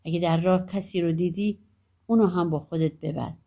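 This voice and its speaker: A woman voicing a helpful magical dwarf who gives calm instructions in a storybook. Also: lowish voice, creaky, muffled recording. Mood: instructing. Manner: instructing, matter-of-fact.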